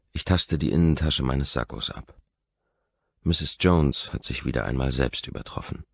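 Very deep, gravelly male narrator. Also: dry recording. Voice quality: gravelly, husky. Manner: steady, intense first-person narration. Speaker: audiobook narrator. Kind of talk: scripted audiobook narration. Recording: dry, slightly muffled recording.

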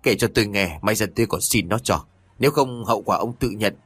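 A man's voice: on the low side, brisk, husky, no echo. A man playing a young village man who angrily threatens and demands answers. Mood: threatening. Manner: forceful, threatening.

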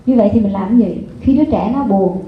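A woman gives a seminar to a live audience. She keeps asking the listeners rhetorical questions. Her voice sits at a middle pitch and carries a strong hall echo through a thin, phone-like recording with faint noise. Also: fairly quick. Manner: lively, addresses the audience with repeated rhetorical questions. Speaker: parenting seminar speaker. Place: lecture hall before an audience.

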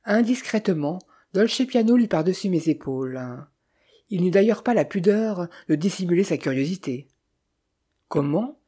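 Mellow, husky audiobook narrator. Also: mid-range voice. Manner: measured, steady storytelling. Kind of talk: scripted first-person narration.

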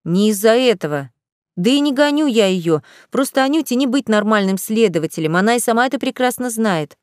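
A woman voicing a gruff male police boss. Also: on the high side, lively intonation, fairly quick, no echo, studio quality, lightly acted. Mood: grumbling. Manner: blunt, grumbling.

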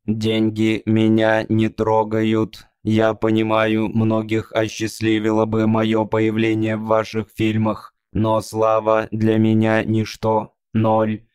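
A man putting on a creaky vain robot. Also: lowish voice, completely flat delivery, darkish tone, dry recording, clean studio sound. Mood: cold, vain. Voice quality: creaky, slow and cold. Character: vain self-admiring male robot, cold.

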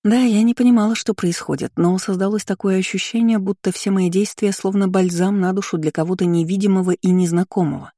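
A woman narrating a first-person novel as an audiobook, in a steady storytelling read. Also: mid-range voice, brisk, few pauses, dry recording, studio quality. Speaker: audiobook reader.

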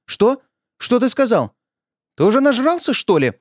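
A man doing a sharp, scolding wife. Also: extremely high pitch, sing-song, normal speed, no echo, clean studio sound, pitched above the performer's own voice, exaggerated voice. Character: anxious wife, woman, sharp and accusing.

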